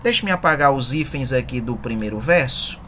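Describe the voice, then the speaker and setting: Low-voiced woman teaching poetic meter. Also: animated, a bit bright, slight background noise. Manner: patient, methodical, counts syllables aloud slowly. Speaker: poetry teacher. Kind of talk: online lesson explaining scansion.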